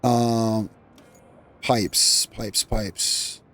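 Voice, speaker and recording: Talking through his gameplay for his gaming channel, a man rambles chattily and frequently corrects himself mid-sentence. He speaks very slowly in a low, level voice that has a fairly bright tone.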